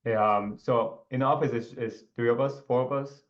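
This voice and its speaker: A man in his twenties from Ecuador, a guest talking in a relaxed, rambling way, with many fillers, over a video call. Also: mid-range voice, normal speed, dull audio. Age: 20s. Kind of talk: casual interview.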